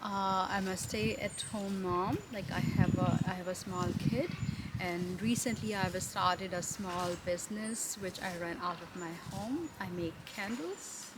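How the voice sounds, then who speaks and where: A young adult woman from Pakistan, chatting as an interview guest in a friendly way, restarting her sentences often. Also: mid-range voice. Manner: friendly, with frequent restarts and fillers. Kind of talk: casual interview. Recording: noisy background.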